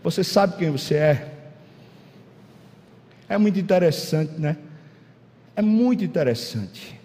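A man's voice: high voice, warm tone, big-room sound. A man preaching a sermon, dramatic, firing rhetorical questions and acting out little scenes.

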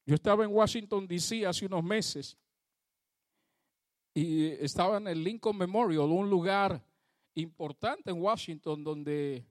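The preacher's high-pitched voice moves a little slowly as he fervently praises God and questions his congregation directly. It is a studio-quality recording with no echo.

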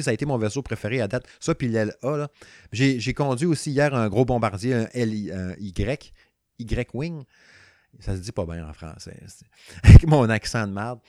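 Excitable Quebec French man, gaming chat. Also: medium pitch, no echo, studio quality. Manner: excitable, rambling, full of slang and restarts. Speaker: video game reviewer.

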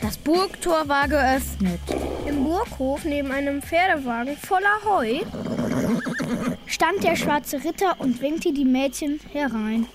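A woman reading a children's story aloud in a lively storytelling manner. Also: high-pitched, a little slow. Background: loud music.

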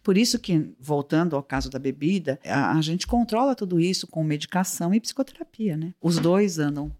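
Woman, lowish voice, therapist guest, explains things slowly and keeps checking in. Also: lively intonation, a little mellow. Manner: explains patiently, often checks in with a tag question. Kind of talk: explanatory interview talk.

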